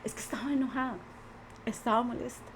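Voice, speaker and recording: A woman's voice: fairly high pitch, fairly even intonation, quick pace, slight background noise. Earnest Costa Rican woman telling her story. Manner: earnest, many quoted voices. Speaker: podcast guest. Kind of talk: personal testimony in conversation.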